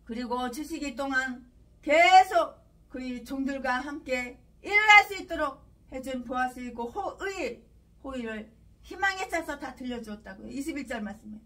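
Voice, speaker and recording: A woman pastor preaching an expository sermon, emphatic and repeating herself, at times breaking into angry shouted tirades, her voice distant from the mic. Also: sits high, animated, moderate pace.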